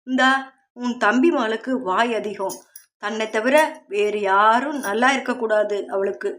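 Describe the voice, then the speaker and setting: A woman voicing a calm, reasoning father-in-law. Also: on the high side, measured pace.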